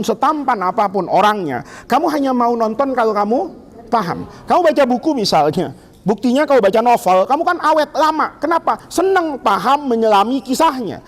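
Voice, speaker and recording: A middle-aged Indonesian man giving an Islamic lecture to students in a lively, teasing way, asking them questions. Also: extremely high pitch. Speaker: Islamic teacher. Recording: long hall reverb.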